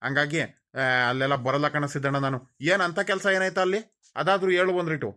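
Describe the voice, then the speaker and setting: An actor playing a proud, quick-tempered middle-aged village boss in a comedy sketch, firing off repeated questions and turning sulky. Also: male voice, a little high, flat delivery, pushed and bright. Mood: bitter. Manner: fires off repeated questions, blustering then sulky. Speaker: former village council member. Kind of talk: rural comedy sketch acting.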